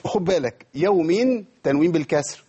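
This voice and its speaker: A man's voice: fairly high pitch, animated, brisk, dark tone, breathy edge, muffled recording. A man with an Egyptian Arabic accent teaching a tajweed lesson. He quizzes his students and models each pronunciation for them. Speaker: Quran recitation teacher.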